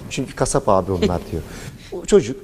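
A man with an Istanbul accent, a comic host teasing people with bossy, repeated short commands and loud joking banter. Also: deep voice, very animated, fast, in a large hall, a little hiss or hum. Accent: Istanbul Turkish. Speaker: comic host filming in a restaurant.

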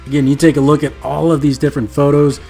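A man's voice: a little high, flat delivery, quick pace, gravelly, dark tone, faint music behind. A man casually narrating a car auction website screen recording, chatty and upbeat, reading listing notes aloud. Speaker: car vlogger.

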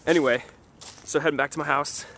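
A little hiss or hum sits under a young man's fairly high, slightly bright voice, which stays steady in tone as he talks fast. He's vlogging casually with a handheld camera at arm's length, joking enthusiastically through a basement and a snowy street at night.

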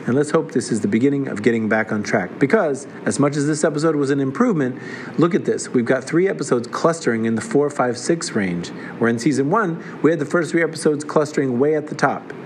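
A man's voice: medium pitch, slight background noise. A man hosting a comedic TV review, talking in a wry way with sarcastic asides. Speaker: host reviewing a TV series.

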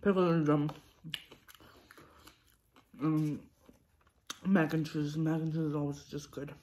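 A woman's voice: low voice, fairly even intonation, takes it slowly, mellow, slight background noise. A young woman vlogger chatting casually between bites of food, rambling with ums and restarts. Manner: talks between bites, chewing and sipping. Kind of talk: casual mukbang chat while eating.

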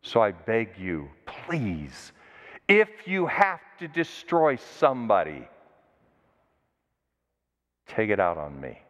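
A man's voice: fairly low pitch, wildly swooping pitch, takes it slowly, pauses often, fairly bright tone, voice pushed down, heavily acted. A pastor voicing Moses as an earnest, humble prophet pleading with God for his people. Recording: dull recording with long church reverb.

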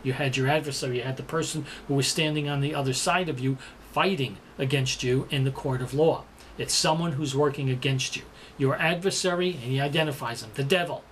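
A man's voice: mid-range voice, fairly quick, a bit bright, slight background noise. A man preaching a sermon, explaining words and repeating the verse for emphasis. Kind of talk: sermon teaching.

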